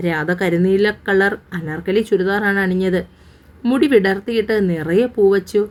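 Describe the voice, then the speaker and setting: A woman narrating a romance novel as an audiobook in a steady, unhurried storytelling manner. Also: medium pitch.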